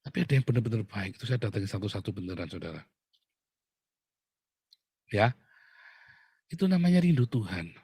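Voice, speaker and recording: A male pastor, preaching in an animated, mocking way that swings from loud outbursts to low asides. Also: brisk, long pauses, breathy edge, no echo. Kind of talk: sermon.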